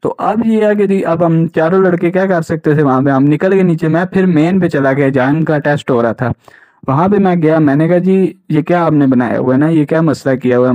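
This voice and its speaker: A young Pakistani man talks casually to camera, indignantly recounting his time hosting a jobs channel and often asking "right?". His voice is on the high side and a little mellow, with no echo, on a dull lo-fi recording.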